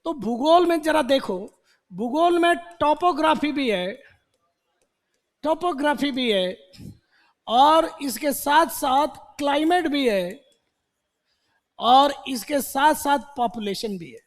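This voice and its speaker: A man's voice: very high-pitched, animated, slow, pauses often. A man teaching vocabulary to a class, repeating words and quizzing students with questions. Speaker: English teacher. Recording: long hall reverb.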